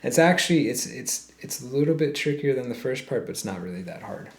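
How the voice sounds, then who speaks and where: A man's voice: mid-range voice, expressive, a little fast, creaky. A man teaching a ukulele lesson step by step, patiently calling out frets and counting beats aloud. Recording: roomy sound with loud ukulele playing.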